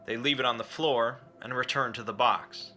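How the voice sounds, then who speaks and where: A man's voice: medium pitch, fairly even intonation, normal speed, sharp tone. A man reading a scripted, dramatic explainer as a narrator. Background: background music.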